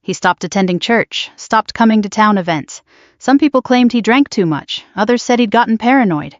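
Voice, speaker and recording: A woman in her sixties telling a first-person story as a steady, scripted narrator. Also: mid-range voice, moderate pace, no echo. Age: 60s. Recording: dull lo-fi dry voice track.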